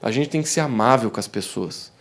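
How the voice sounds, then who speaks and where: A young Brazilian man with a southern Brazilian accent, preaching a sermon in a church in a warm, conversational way, often calling the congregation "dear ones" and acting out the voices in his stories. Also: medium pitch, fairly quick. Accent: southern Brazilian Portuguese. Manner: animated storytelling that acts out quoted voices. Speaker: pastor. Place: church hall.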